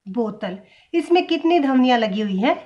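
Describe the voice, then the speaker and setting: A woman's voice: on the high side, expressive, moderate pace, dark tone, muffled recording. A woman teacher giving a grammar lesson, spelling sounds out one at a time, asking the viewer questions and then answering them herself.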